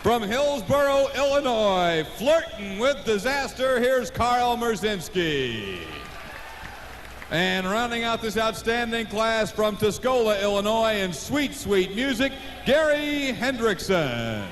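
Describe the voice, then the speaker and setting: Echoing, high-pitched American male arena announcer. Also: lively intonation, slow, fairly bright tone. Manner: booming showman delivery with stretched names. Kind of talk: driver introductions at a tractor pull show. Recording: echoey, noisy live arena PA.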